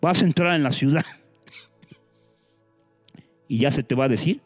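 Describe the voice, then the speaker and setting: Male pastor, fairly high voice, lively preaching with quick pitch jumps and off-the-cuff asides, soft music bed underneath. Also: breathy edge, no room sound. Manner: thinks aloud with restarts and asides. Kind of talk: sermon.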